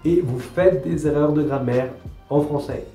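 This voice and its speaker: Slightly slow and pitched on the high side, the young coach from France has a mellow voice as he teaches viewers pronunciation. It's a talking-head language advice video in an echoey room with soft guitar, delivered in an emphatic, teacherly way with key points repeated.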